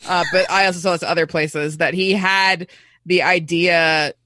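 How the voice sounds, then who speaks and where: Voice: mid-range voice, steady tone, moderate pace, pushed and bright, no room sound. A podcast co-host chatting casually about a movie, sardonic and mock-indignant.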